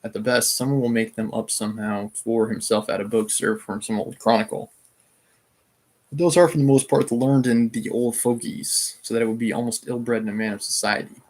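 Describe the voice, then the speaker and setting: Man reading a smooth scheming older nobleman, suave and pushy, mid-pitched voice. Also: fairly even intonation, brisk, a little mellow, lightly acted. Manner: suave, pleading and insistent.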